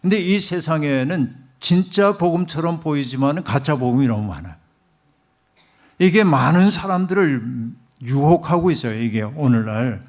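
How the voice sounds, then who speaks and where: A man's voice: a little high, expressive, moderate pace, darkish tone. Middle-aged male pastor preaching a sermon. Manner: storytelling, addressing the congregation directly.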